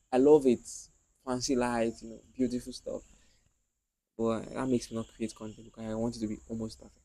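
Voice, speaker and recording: A man's voice: medium pitch, creaky, no echo, rough recording. Rambling young Nigerian man, dry mic. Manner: rambling, repeats himself, often trails off quietly. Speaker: content creator. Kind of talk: casual talk to camera. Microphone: own handheld mic, noise reduction mode.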